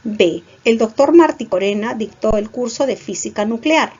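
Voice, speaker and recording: A woman's voice: on the high side, expressive, normal speed, a little mellow, slightly rough. A woman teaching a class, explaining each point step by step and checking in with her students. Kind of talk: online class lecture. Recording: dull lo-fi recording.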